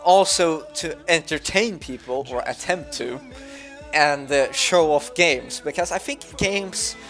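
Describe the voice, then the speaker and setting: Speaking slowly with a slightly high, fairly bright voice, a young Swedish gaming YouTuber chats casually over a game, faint music audible behind him. Swedish is his native tongue and his accent shows it. His talk is hesitant, with many fillers and restarts.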